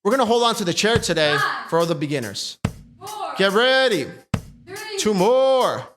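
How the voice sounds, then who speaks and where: A man's voice: high-pitched, big pitch swings, moderate pace. A man coaching a cardio kickboxing workout as an aerobics instructor, calling out cues and encouragement with energy. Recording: workout music behind the voice. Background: loud workout music.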